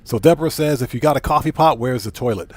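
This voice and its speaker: Speaking quickly in a mid-range voice, this livestream host muses aloud in a chatty way, mixing laid-back video game commentary with remarks to his audience.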